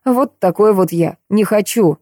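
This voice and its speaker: A woman voicing a tormented young male vampire, speaking slowly and wearily. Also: dark tone, no echo, clean studio sound, close to an everyday voice. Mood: cold. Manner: low, slow and weary.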